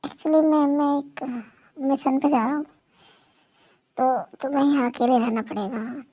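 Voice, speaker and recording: A woman's voice: high voice, steady tone, a little slow, dark tone, pitched below the performer's own voice. A woman voicing a scornful young man who keeps his wife captive, in an amateur fan dub. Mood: flat dismissive. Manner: taunting, scornful.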